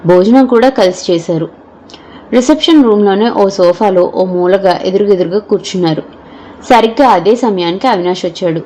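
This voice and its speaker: A woman narrating an audio novel with a steady, measured reading. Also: mid-range voice, low-quality recording.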